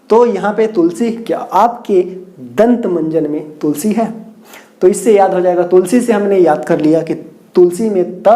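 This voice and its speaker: Man, grammar teacher, mellow warm tone, repeats himself, answers his own questions. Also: high voice. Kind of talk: whiteboard lecture with mnemonics.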